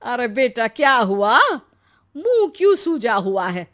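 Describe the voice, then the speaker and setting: A woman's voice: fairly high pitch, sing-song, a little slow, fairly bright tone. A woman voicing a teasing middle-aged mother in a cartoon story.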